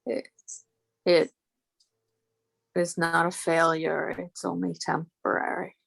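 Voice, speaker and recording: Hesitant, creaky-voiced woman, very slow. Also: on the low side, little pitch movement, fairly bright tone. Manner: tentative, halting, reflective. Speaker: client in a channeling session.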